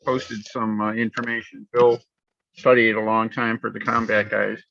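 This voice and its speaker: A man on a video call with a tinny, tin-can sounding connection, explaining test results in a measured, matter-of-fact way. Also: lowish voice, little pitch movement, creaky, fairly bright tone. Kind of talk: casual technical chat. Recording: dull lo-fi call audio, distant from mic.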